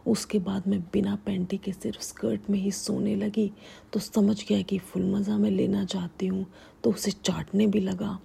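A woman narrating a first-person story in a steady, intimate whisper. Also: mid-range voice, moderate pace, creaky, slightly rough.

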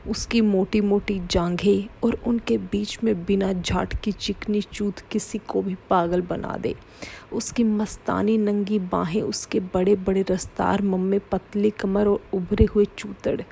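A woman reading a first-person adult story aloud in a steady, plain storytelling way. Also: mid-range voice, gravelly, slight background noise. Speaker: story narrator.

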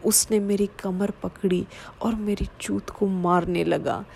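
A woman reading a first-person story aloud in a steady, low-key way. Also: slow, vocal fry, background noise. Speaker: narrator.

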